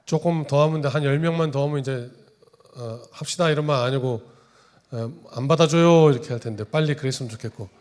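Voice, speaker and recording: A man's voice: mid-range voice, fairly quick, a little mellow. A male pastor preaching a sermon in a church, talking conversationally and joking with the congregation through role-play. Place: church sanctuary.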